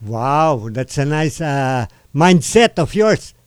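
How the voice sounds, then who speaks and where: A Filipino man hosting a radio boxing program, mixing Tagalog and English with frequent filler pauses as he interviews a boxer. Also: on the high side, big pitch swings, clean tone, no room sound, studio quality. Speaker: radio boxing show host.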